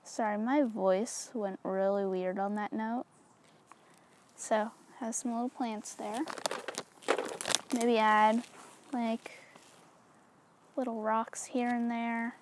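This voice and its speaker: A woman hosting a relaxed craft tutorial, her voice sitting a little on the high side. She talks things through step by step in an easygoing, chatty way, with lots of "so" and "like." A faint hum of room noise sits behind her. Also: slow pace, pauses often. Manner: chatty and easygoing, with many fillers like "so" and "like". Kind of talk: casual step-by-step craft demonstration.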